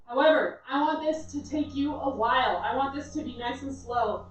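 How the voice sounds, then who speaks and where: A woman's voice: sits high, moderate pace. A woman fitness instructor giving workout instructions in an encouraging, reassuring way. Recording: echoey room, distant dull mic, faint noise.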